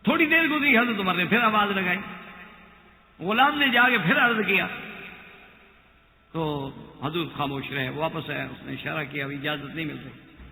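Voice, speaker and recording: A man's voice: high voice, animated, vocal fry, long pauses, bright, forceful tone. Older male preacher in an echoey hall. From Makkah, Saudi Arabia. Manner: storytelling sermon with chanted Arabic verses. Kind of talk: sermon. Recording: echoey hall with long reverb.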